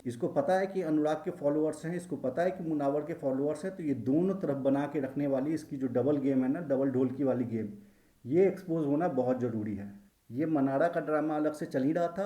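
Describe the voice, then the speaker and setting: A man's voice: on the high side, dark tone. A man giving emphatic, opinionated commentary on a reality show, with heated, repetitive phrasing. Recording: echoey room.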